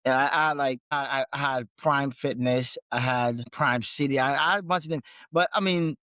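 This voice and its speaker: A man from Guyana, a gym owner and trainer, chatting casually as a podcast guest, relaxed and often restarting his sentences. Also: medium pitch, normal speed, no room sound. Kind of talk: casual interview conversation.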